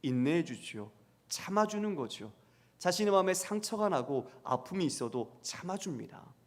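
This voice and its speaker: A man's voice: fairly high pitch, sing-song, normal speed. A man preaching as a pastor who asks the congregation questions and acts out the voices he quotes. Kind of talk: sermon. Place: church sanctuary. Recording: long church hall reverb.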